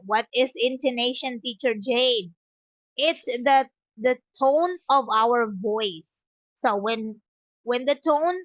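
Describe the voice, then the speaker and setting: A woman's voice: fairly high pitch, fairly bright tone, no room sound. A woman teaching English one-on-one online, explaining patiently step by step. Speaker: English tutor.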